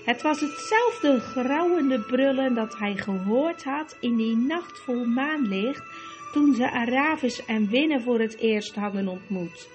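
A woman reading a storybook aloud in a measured way. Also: a little high, animated, faint music behind. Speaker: audiobook narrator. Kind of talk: storybook narration.

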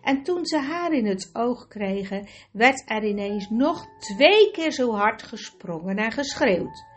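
A woman reading a children's storybook aloud with lively storytelling. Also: fairly high pitch, takes it slowly, soft background music. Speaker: audiobook reader. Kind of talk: storybook narration.

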